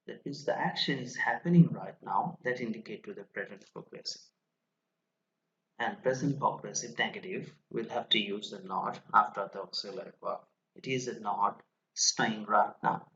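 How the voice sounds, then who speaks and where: A man teaching English grammar in an online lesson, slowly explaining rules and reading example sentences aloud. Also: fairly low pitch, sharp tone, dull audio.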